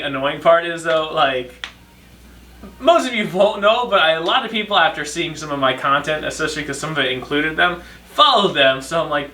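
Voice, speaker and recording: Lively, bright-voiced young man telling stories. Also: on the high side. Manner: sarcastic, profane, rambling. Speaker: podcast host. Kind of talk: casual storytime monologue. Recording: echoey room, distant mic.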